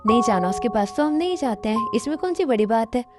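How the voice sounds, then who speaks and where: A woman's voice: on the high side, lively intonation, quick pace, loud music behind the voice, lightly acted. A woman voicing a doting middle-aged father who soothes and coaxes in a fan-made dub drama. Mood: soothing. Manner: soothing, coaxing.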